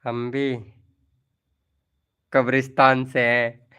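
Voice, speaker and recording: A man's voice: mid-range voice, completely flat delivery, extremely slow, bright, forceful tone, clear, resonant tone. A man hosting a casual live stream, playfully teasing viewers as he reads their messages. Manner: playful, teasing, chuckling often.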